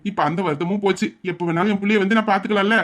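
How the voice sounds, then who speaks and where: A man's voice: high-pitched, steady tone, very fast, fairly bright tone. A man voicing a tender middle-aged father who soothes and reassures his married daughter. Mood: reassuring.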